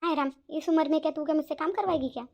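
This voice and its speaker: A woman voicing a bossy, sharp-tongued elderly mother-in-law in a cartoon, talking in a scolding, complaining way. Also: high-pitched, steady tone, racing, highs cut off. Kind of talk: cartoon voice acting.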